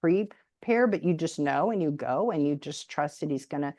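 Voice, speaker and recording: A woman's voice: low-pitched, expressive, moderate pace, no room sound, clean studio sound. A woman from the United States, hosting a podcast and giving rambling, conversational parenting advice. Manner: rambling, warm, frequent "you know". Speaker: podcast host.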